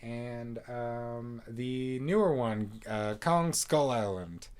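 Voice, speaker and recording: A man's voice: mid-range voice, extremely slow, a little mellow, clean tone. A man co-hosting a casual movie review chat, rambling with lots of fillers and frequent laughs. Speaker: co-host of a movie review show. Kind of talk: casual conversational film review.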